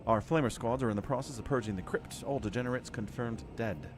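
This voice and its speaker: A man's voice: medium pitch, fast talker, music in the background, natural voice. Man voicing a stern female military officer. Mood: brisk report. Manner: formal, clipped military reporting. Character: stern, proud female master-at-arms reporting to her captain.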